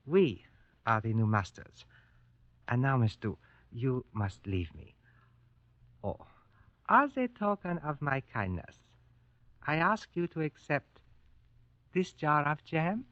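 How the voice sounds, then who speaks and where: An actor playing a polite, arrogant colonel in a grave 1940s radio war drama, speaking formally and condescendingly. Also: male voice, a little high, very animated, slow, long pauses, a bit bright, no echo, full character voice. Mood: boastful, cold. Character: suave, arrogant Japanese colonel, polite captor. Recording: muffled old 1940s radio recording.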